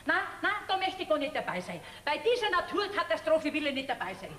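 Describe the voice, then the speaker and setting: An actress with a Bavarian accent playing a preachy, scolding farmer's wife in a folk theater comedy. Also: female voice, sits high, very animated, quick pace. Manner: bossy, preachy. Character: scolding, pious, sharp-tongued farmer's wife. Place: theater stage. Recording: echoey theater hall with faint noise.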